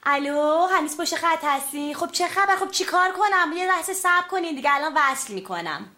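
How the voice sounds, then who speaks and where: A woman's voice: extremely high pitch, fairly even intonation, sharp tone. A woman playing a fussy, chatty secretary who keeps apologizing as she fumbles phone calls. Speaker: office secretary. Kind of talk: sitcom comedy acting.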